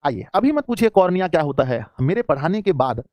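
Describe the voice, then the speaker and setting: Fast-talking, affectionate Hindi-accented teacher. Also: male voice, on the high side, sing-song, a little mellow, no echo, studio quality. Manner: affectionate, calls students "children", asks and answers his own questions. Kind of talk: online class lecture.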